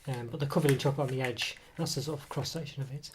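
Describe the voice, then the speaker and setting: A man with a cold, working as a food reviewer, gives a casual review of a snack at an indoor table, his voice coming and going. His mid-range voice stays fairly even in intonation as he races through a rambling, hesitant talk full of fillers and self-corrections. A table camera mic catches it against a noisy background.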